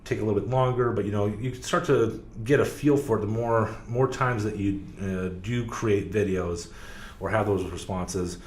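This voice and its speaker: This podcast guest, a man in car sales, rambles through a casual interview, restarting sentences and leaning on fillers. His lowish voice keeps fairly even intonation at a normal speed, and the echoey recording carries faint background noise.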